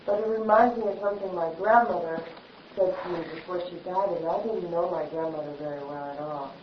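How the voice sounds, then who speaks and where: A woman's voice: on the low side, fairly quick, background noise. A woman chatting casually, agreeing readily and telling a story with animation. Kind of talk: casual conversation. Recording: distant mic, echoey room, lo-fi.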